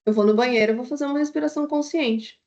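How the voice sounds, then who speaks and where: A woman instructor lectures in a high, bright-pitched voice. She is animated and keeps slipping into little acted-out inner thoughts as she explains. It sounds like a recorded online class. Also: quick pace, lo-fi sound. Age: adult with a child. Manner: animated, acts out inner thoughts in quoted asides.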